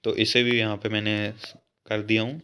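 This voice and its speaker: A young man, explaining a school lesson patiently and slowly. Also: on the low side, little pitch movement, fairly bright tone, slight background noise. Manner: slow, patient explanation with frequent asides to students. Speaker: teacher.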